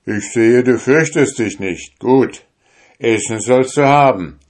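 Robber chief, voiced by a man, grim, commanding, loud, fairy tale. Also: mid-range voice, takes it slowly, voice pushed up.

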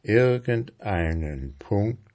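A man voicing a slow, bewildered male beetle in a storybook reading, musing to himself. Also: lowish voice, expressive, darkish tone.

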